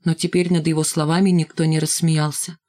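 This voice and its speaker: A woman narrating a first-person story in a measured, expressive reading. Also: low voice. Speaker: audiobook narrator.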